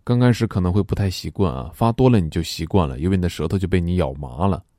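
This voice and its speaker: A man teaching a pronunciation lesson, demonstrating sounds slowly and deliberately and joking along the way. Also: deep voice, mellow, no room sound, clean studio sound.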